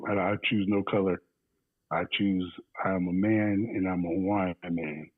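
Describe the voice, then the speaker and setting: This guest, an easygoing man from the US Midwest, chats with fillers and little chuckles in a low, husky voice. He speaks a little slowly with a steady tone, and the phone line sounds tinny and dry.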